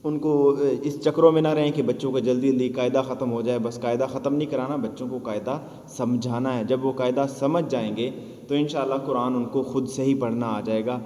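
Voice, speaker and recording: A man's voice: medium pitch, steady tone, mellow. Man teaching recitation in an echoey room. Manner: explains patiently, chants drawn-out syllables as examples. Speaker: Quran teacher training instructor. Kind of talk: teaching lesson, demonstrating recitation. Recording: echoey room with long reverb.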